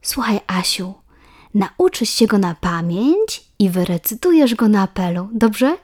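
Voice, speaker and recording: A woman voicing a kind, caring female teacher who gently coaxes a pupil. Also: mid-range voice, very animated, unhurried. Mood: coaxing. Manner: warm, coaxing.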